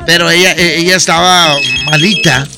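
A Mexican man hosts a call-in radio show with a high, bouncy voice. He jokes loudly with callers while music plays clearly underneath. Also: fairly even intonation, moderate pace. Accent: Mexican Spanish. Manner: loud joking banter with callers. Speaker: radio DJ host. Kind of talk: lively radio show hosting.

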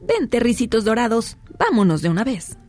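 A woman's voice: on the high side, big pitch swings, normal speed, a little mellow, no echo, faint music behind. A woman voicing an impatient, mocking female Death skeleton in rhymed verse. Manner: read aloud in verse.

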